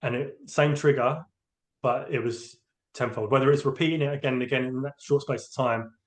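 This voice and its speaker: A man's voice: mid-range voice, fairly even intonation, brisk. A man, a train driver giving a candid, hesitant personal account in a podcast interview. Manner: hesitant, open, emotionally candid.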